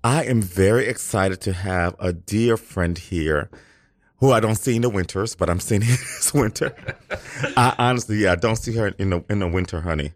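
Man, radio talk host, sassy, playful, lowish voice, dry studio sound. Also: moderate pace, no echo. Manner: sassy, playful, drawls endearments. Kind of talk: casual radio chat.

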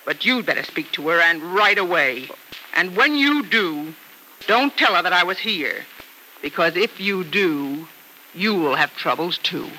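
A stern American woman of old radio soap opera, menacing and formal. Her voice is very sharp, with clipped, pointed phrasing, on a faintly noisy vintage recording. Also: on the low side, lively intonation, unhurried. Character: stern, threatening woman caller in a radio serial.

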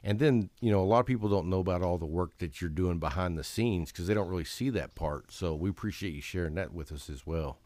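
A man's voice: deep voice, fast talker, few pauses, darkish tone, dry recording. A man hosting a cigar podcast, chatting enthusiastically and at length with his guest. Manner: enthusiastic, wordy, keeps returning to passion. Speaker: cigar show host. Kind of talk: casual podcast interview.

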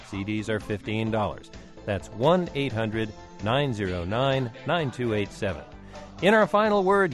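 A man hosting a public radio show, reading scripted credits and sign-offs with wry, self-deprecating humor. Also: medium pitch.

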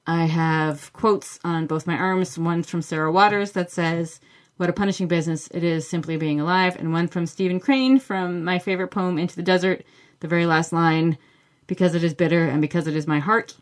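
Speaking at a normal speed in a lowish, steady voice, a woman answers listener questions on her solo book podcast. The talk is casual, chatty and enthusiastic, with a lot of fillers.

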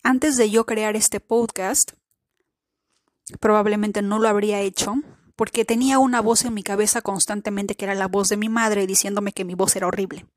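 A woman's voice: mid-range voice, steady tone, normal speed, no room sound, clean studio sound. A woman hosting a spiritual self-help podcast, speaking earnestly and posing many rhetorical questions to the listener. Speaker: podcast host. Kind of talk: reflective spiritual podcast talk.

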